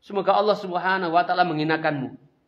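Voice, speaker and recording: A man's voice: high-pitched, fairly even intonation, fast, voice pushed up, lightly acted. A man voicing a hot-tempered warrior who angrily calls his enemy a liar. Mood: angry defiant. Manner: outraged retort. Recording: dull lo-fi lecture recording.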